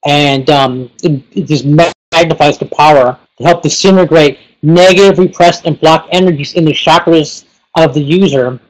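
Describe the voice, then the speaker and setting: A man's voice: a little high, moderate pace, rough recording. A man giving a casual webinar lesson, rambling and leaning heavily on fillers like "you know" and "like". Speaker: pranic healing teacher.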